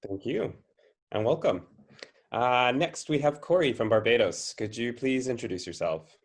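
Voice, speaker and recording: Male host, mid-pitch, brisk and courteous, calling on panelists. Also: lively intonation, noisy background. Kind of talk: moderating introductions.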